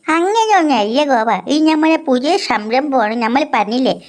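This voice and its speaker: A woman's voice: high-pitched, lively intonation, normal speed, darkish tone. A woman voicing a cheeky, chatty little boy puppet in a miniature-toy cartoon.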